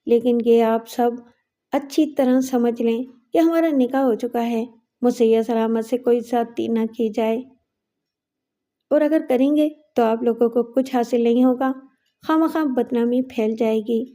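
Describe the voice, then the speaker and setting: A woman's voice: a little high, dark tone, close to an everyday voice. A woman voicing a remorseful young runaway daughter, tearful and defensive on a phone call. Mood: firm.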